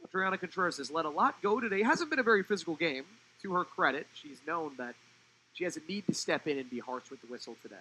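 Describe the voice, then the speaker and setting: A young man giving live play-by-play commentary on a college soccer match, fluent and rising in pitch when the play turns attacking. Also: animated, fast talker, pushed and bright, low-quality recording.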